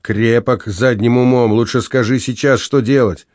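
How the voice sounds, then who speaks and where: A man voicing a gruff, blunt and threatening grown son in an audiobook reading. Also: medium pitch, fairly even intonation, moderate pace, darkish tone, no room sound, studio quality, natural voice.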